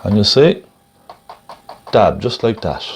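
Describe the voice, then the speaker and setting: Gentle painting instructor, a man. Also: fairly low pitch, sing-song, creaky, a little hiss or hum. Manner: gentle, encouraging, unhurried; thinks aloud while painting. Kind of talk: casual step-by-step painting demonstration.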